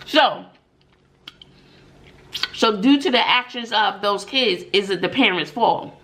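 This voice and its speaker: A middle-aged mukbang vlogger and middle school teacher casually tells viewers her stories and views, with emphasis, rhetorical questions and frequent "mm-mm"s. She takes her time, speaking slowly in a medium-pitched, slightly bright voice.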